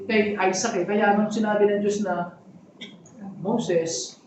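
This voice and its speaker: High-voiced man preaching in an echoey hall. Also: flat delivery, moderate pace, recorded from a distance, a little hiss or hum. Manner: conversational preaching with frequent asides to the congregation. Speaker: pastor. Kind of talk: sermon. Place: church hall.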